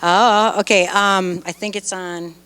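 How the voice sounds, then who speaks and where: A woman pastor preaching a lively sermon, retelling scripture with animated storytelling and reading aloud while chatting with her listeners. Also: medium pitch, slow, smooth, long reverb tail. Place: church sanctuary.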